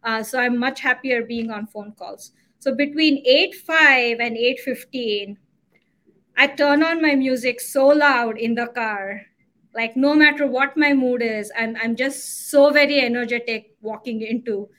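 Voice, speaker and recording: A middle-aged woman, a company CEO, chatting as a podcast guest, animated and laughing often. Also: a little high, measured pace. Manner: animated, laughs often, acts out her own quotes. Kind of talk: casual interview chat.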